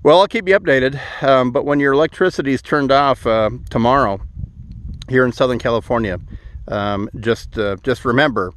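A man's voice: mid-range voice, moderate pace, a bit bright, a little hiss or hum. A middle-aged man vlogging to a phone held at arm's length outdoors, dry and sarcastic, with many "uh" fillers. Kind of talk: sarcastic to-camera vlog. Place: outdoors at a desert wind farm.

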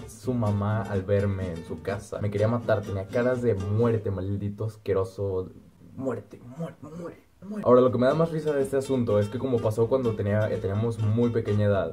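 A young man with a Mexican accent telling a childhood story on his vlog, swinging between hushed asides and loud exclamations. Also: fairly low pitch. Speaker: vlogger.

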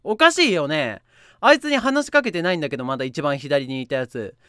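Female game streamer with a bright, animated voice, soft murmurs broken by sharp squeals, reads the game text aloud, dry close mic. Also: low-pitched, a little fast, no echo. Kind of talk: let's play commentary.

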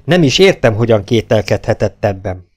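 A man voicing an elderly, fussy and excitable male professor in an audiobook, exclaiming with drawn-out words. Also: on the low side.

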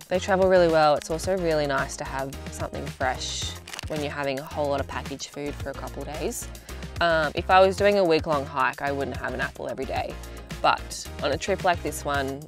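A young Australian woman chats easily to the camera while sitting outdoors in the bush. Her voice sits low for a woman and she drops in plenty of ums. Soft music plays quietly in the background. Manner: relaxed, chatty, frequent ums. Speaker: hiker presenting gear video. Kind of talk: casual explanation to camera. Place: outdoors in open bushland.

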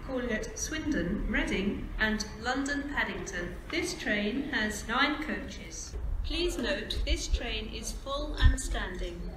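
Automated female station announcer, words spliced together, very slow and higher pitched, echoey loudspeaker with loud platform noise. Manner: measured, evenly clipped phrasing. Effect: spliced together prerecorded words. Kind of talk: automated public address announcements. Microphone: heard through station loudspeakers. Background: station ambience.

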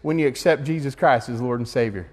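A man's voice: medium pitch, fast, a little mellow. A man pastor giving an earnest, emotional testimony sermon that rises to fervent exhortation. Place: meeting hall. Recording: long reverb of a meeting hall.

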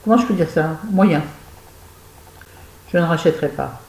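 A woman with a low, gravelly, slightly mellow voice chats casually at normal speed to her viewers while reviewing used-up beauty products, adding wry, self-mocking asides. The recording has a roomy echo and faint background noise.

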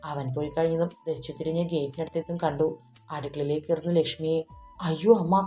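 A woman narrating a romantic audiobook in a steady, even reading voice. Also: low-pitched, fast, soft background music. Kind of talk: storybook narration.

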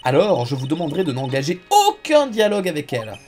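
A woman's voice: sits low, big pitch swings, a little mellow, a little hiss or hum. A woman reading game lines as a stern, haughty older mother who speaks formally and coldly. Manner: formal, cold, measured. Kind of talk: reading game dialogue aloud.

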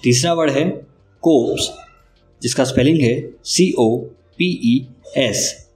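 A man teaches vocabulary in a slow, unhurried, deliberate way, spelling each word out letter by letter. His voice rings in a roomy, echoey space, with soft music playing underneath. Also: mid-range voice. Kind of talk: scripted vocabulary lesson. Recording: roomy echo with faint music.

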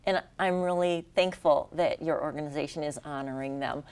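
A woman's voice: low voice, fairly even intonation, moderate pace, a little mellow, clean tone, far from the mic. A woman hosting a studio interview, wrapping up with formal, appreciative thanks. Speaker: show host. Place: television studio.

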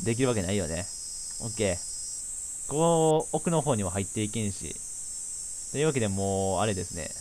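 A man's voice: lowish voice, expressive, a little fast, long pauses, a little mellow, a little hiss or hum. A young man, casually commenting on a horror game, muttering and joking as he reads the lines aloud. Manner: jokey, mutters to himself, plays characters' lines in put-on voices. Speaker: game streamer. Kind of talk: casual let's-play commentary, reading game text aloud. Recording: game music playing behind.

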